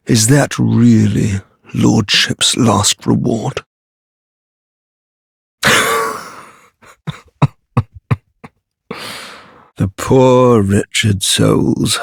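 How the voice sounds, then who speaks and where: A man with a British accent playing a cynical, fatalistic undead deserter in a dark fantasy game, his voice husky and his delivery dry, drawling and sardonic. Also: mid-range voice, dry recording, full character voice. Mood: bleak resignation. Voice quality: gravelly, husky.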